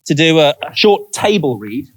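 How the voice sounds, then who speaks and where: A man's voice: a little high, very animated, normal speed, no echo. A man hosting a live comedy panel show, playful and self-mocking in his banter.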